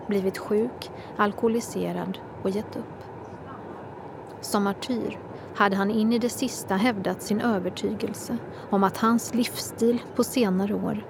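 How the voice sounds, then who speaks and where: A woman reading her own first-person literary prose in a measured, reflective way. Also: mid-range voice, creaky, background noise.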